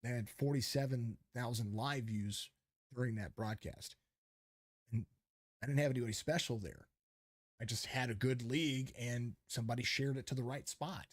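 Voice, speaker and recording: A casual podcast host who calls races talks about that work, rambling emphatically with lots of restarts and fillers into a close mic. He says his voice is fit for radio; it's mid-range, at a moderate pace, and recorded dry.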